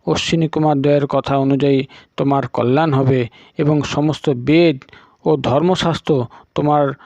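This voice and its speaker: A man's voice: fairly high pitch, steady tone, moderate pace, darkish tone, no room sound, close to an everyday voice. A man voicing a stern old male teacher who is strict but caring, speaking in a firm, commanding way. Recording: dull lo-fi recording.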